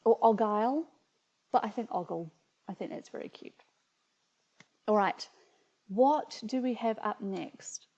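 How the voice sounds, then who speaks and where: Slightly muffled audio captures a New Zealand-accented video host reading stories from her childhood and chatting informally. She speaks in a darkish, mid-range voice at a measured pace with long pauses, sounding hesitant, reflective and amused.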